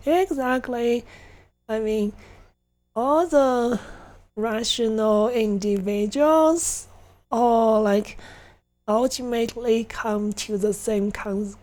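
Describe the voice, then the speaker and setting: A livestreamer playing a visual-novel game, a woman with a slightly high and mellow voice, gives casual, giggly, rambling commentary that trails off as she chats. Game music plays behind her voice.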